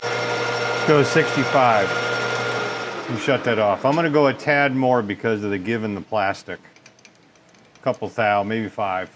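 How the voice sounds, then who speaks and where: Low-voiced man explaining lathe work. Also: steady tone, normal speed, noisy background. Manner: thinking aloud, folksy asides. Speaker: machine shop repair host. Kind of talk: casual workshop demonstration. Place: workshop at a running lathe.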